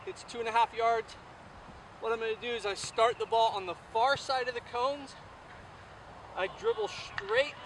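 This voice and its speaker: A man coaching youth soccer, out of breath, explaining drills step by step outdoors. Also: very high voice. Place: outdoor field. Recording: distant mic, loud wind and traffic noise.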